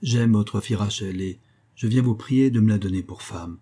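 Male reader as a calm, earnest young noble, slightly raised pitch, dark husky tone. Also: normal speed.

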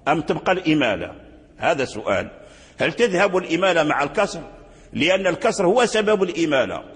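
A man's slightly high, husky voice explains Quran readings in a slow, repeating lecture. He restarts his words often and chants the examples. The sound carries a long hall reverb. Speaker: Quran recitation teacher.

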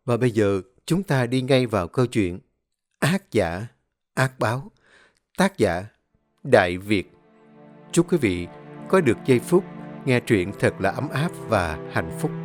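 A man narrating a ghost story for his channel, reading in a measured, solemn way with slow pauses. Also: fairly low pitch, sing-song. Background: faint music.

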